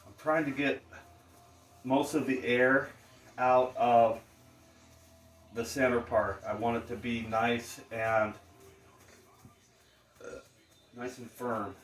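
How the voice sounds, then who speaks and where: A man's voice: mid-range voice, flat delivery, takes it slowly, pauses often. A man hosting a casual cooking demonstration, talking in laid-back stoner slang. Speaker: cooking show host. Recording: roomy, distant mic, faint noise.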